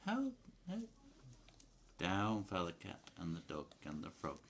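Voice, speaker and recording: Low, gravelly woman reading a picture book. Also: slight background noise. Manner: playful, with pauses and self-corrections. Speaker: reader.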